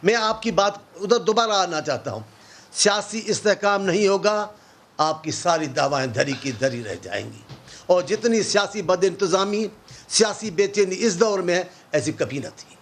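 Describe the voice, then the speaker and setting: A man with a notably high voice argues as an opposition politician on a televised debate show. He is impassioned and biting, firing off rhetorical questions and sarcastic asides. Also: animated.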